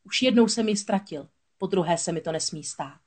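Woman doing a sincere young prince, soft and determined. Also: fairly low pitch, lively intonation, breathy edge. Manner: tender, determined. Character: earnest young male prince.

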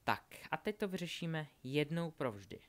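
A man's voice: a little high, sing-song, a bit bright, pitched above the performer's own voice. A man reading an audiobook, voicing a cunning, cold young witch in a raised voice. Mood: gloating. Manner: sly, triumphant, menacing. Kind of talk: audiobook character voice.

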